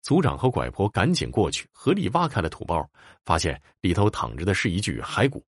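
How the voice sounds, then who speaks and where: A man narrating a ghost story in a swooping, animated storytelling manner. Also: low-pitched, fairly quick, husky, no room sound, clean studio sound.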